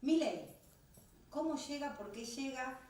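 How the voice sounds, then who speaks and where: A woman's voice: sits high, a little slow, darkish tone, recorded from a distance. An Argentine woman hosts a TV interview, chatty and friendly as she puts questions to her guest. She has an Argentine accent. Her voice sits some way off the mic in a very echoey room, with faint background noise. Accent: Argentine Spanish. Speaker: TV interviewer, host.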